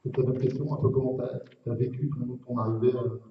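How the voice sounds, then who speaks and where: A man's voice: mid-range voice, fairly even intonation, a little fast. A man moderating a public discussion in casual, spoken French phrasing. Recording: echoey hall, distant, dull, faint noise.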